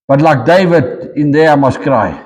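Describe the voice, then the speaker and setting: A South African man preaching in a lively, conversational way, switching between English and Afrikaans as he goes. His voice sits high for a man, and it rings with the long reverb of a church hall. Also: moderate pace. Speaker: pastor. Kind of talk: sermon.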